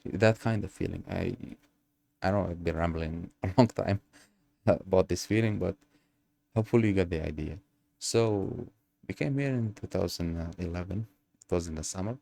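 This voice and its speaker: A young man from Algeria telling his own story in a casual monologue, pausing often and hunting for words. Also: sits low, creaky, darkish tone. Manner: hesitant, searching for words with many fillers. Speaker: channel host.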